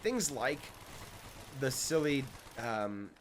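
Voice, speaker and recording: A man's voice: mid-range voice, sing-song, extremely slow, a little hiss or hum. A man in casual chat while gaming, blunt and cynical, reeling off complaints.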